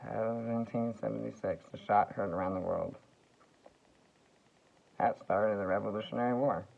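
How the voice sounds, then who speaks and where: A man rambling through a slow, halting vlog monologue full of fillers and restarts. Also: lowish voice, steady tone, creaky. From United States. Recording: tinny phone-like sound.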